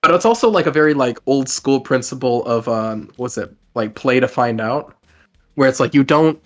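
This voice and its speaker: A man with a mid-pitched voice talks about tabletop games in a loose, rambling way. He leans on "like" and swears casually. Faint music plays underneath. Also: normal speed, fairly bright tone. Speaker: co-host reviewing a tabletop game. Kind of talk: casual podcast chat.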